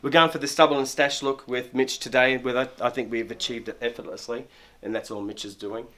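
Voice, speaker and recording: Working on a trim and shave in a barber shop, a middle-aged barber explains each step, repeatedly restarting and repeating words. His mid-range voice is steady, pushed and bright, and a little fast, in a step-by-step grooming demonstration.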